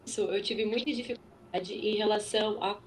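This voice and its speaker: A woman's voice: medium pitch, steady tone, moderate pace, a little hiss or hum. A woman teacher answering questions over a video call, her audio choppy and cutting out, talking hesitantly with restarts.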